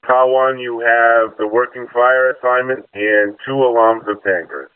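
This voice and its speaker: A male fire dispatcher reads messages back procedurally over a two-way radio. He has a clean, medium-pitched voice that sounds distant through a tinny narrow channel. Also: steady tone, unhurried, clean tone, no echo.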